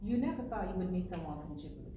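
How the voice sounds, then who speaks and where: Female podcast host, Kittitian accent, lowish voice, conversational; heavily reverberant, noisy room. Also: animated, racing, dark tone, distant mic. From Saint Kitts and Nevis. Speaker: podcast host interviewing a fellow. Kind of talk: conversational interview. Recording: very echoey room with clear background noise.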